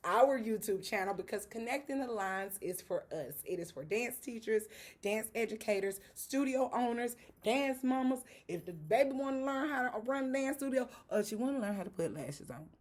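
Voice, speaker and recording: A woman's voice: fairly high pitch, animated, moderate pace, a little mellow. A young woman from the American South with a Southern accent, hosting a casual tutorial vlog with a chatty, sassy manner. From Southern United States. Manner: chatty, playful, sassy asides. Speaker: dance educator and channel host.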